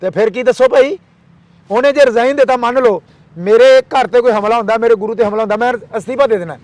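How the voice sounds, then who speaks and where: A man's voice: very high voice, darkish tone, no room sound. A man giving an impassioned interview, firing off rhetorical questions and repeated demands. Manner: fiery, rhetorical, repeats demands in rapid lists.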